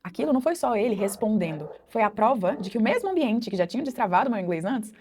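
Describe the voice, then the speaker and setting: A woman's voice: a little high, very animated, fast, darkish tone, slight background noise. A Brazilian woman in her thirties, an English teacher and mother, talking to camera in a chatty vlog with a Brazilian Portuguese accent, often adding tag questions.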